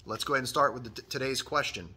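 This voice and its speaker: An HVAC channel host in his thirties reads a viewer email on his trade advice vlog, earnest and encouraging and repeating his key points. His medium-pitched voice is rapid-fire, bright and forceful, with a breathy edge. He's filmed close in a decorated workshop room.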